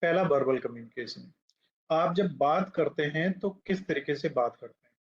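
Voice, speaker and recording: A man teaching a class, his voice sitting a little on the high side as he explains each point step by step and keeps asking his listeners questions. He pauses to write on the board as he goes. The recording is dull and lo-fi. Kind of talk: classroom lecture.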